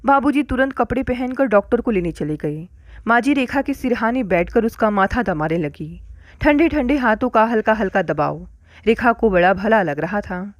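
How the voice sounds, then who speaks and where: A woman narrating a family story in a steady, scripted reading. Her voice sits somewhat high, and the recording is dry and close. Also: moderate pace, dry recording.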